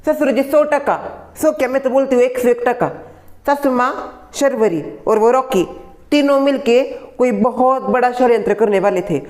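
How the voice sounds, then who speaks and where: A woman's voice: fairly high pitch, moderate pace, darkish tone, lightly acted. A woman playing a defensive, scheming young daughter-in-law in a family comedy skit, talking in a pleading, explaining way. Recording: echoey room, faint background music.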